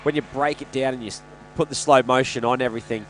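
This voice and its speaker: A man's voice: mid-range voice, fairly even intonation, fast talker, a little hiss or hum, rough recording. An Australian man commentating on sport in a jokey, self-deprecating way, with a blocked, nasal voice as if his nose is pinched by a cold. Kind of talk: live match commentary and banter. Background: indoor sports venue with games nearby.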